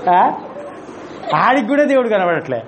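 High-voiced laughing male spiritual teacher. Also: sing-song, moderate pace, a crowd in the background. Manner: playful, laughing, keeps asking the audience questions. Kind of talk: spiritual talk to a class.

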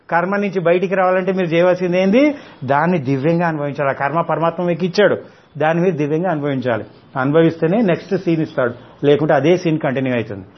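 Spiritual teacher, male, high voice, fiery rhetorical scolding, dull lo-fi recording. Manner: scolding, rhetorical questions, mixes in English words. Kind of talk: spiritual discourse to an audience.

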